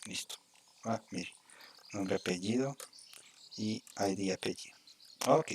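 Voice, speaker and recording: A man teaching a live coding lesson. He explains each step slowly and often checks in with his students. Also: on the low side, slight background noise. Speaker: programming instructor.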